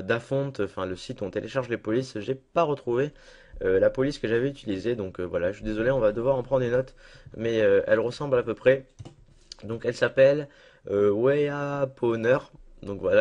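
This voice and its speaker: A young man talking through a casual screen-recorded software tutorial at his computer, chatty and self-deprecating, with lots of fillers. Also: medium pitch. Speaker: tutorial maker.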